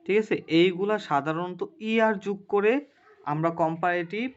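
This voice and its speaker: A male teacher leads a grammar class, slowly drilling word lists and often checking that the students follow. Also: high voice, clean tone. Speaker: English teacher. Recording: muffled lo-fi classroom recording.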